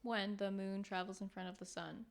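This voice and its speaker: A woman's voice: medium pitch, level tone, moderate pace, gravelly. A Canadian woman co-hosting a podcast from home, chatting playfully and laughing often. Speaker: podcast co-host. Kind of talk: casual chat. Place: home room.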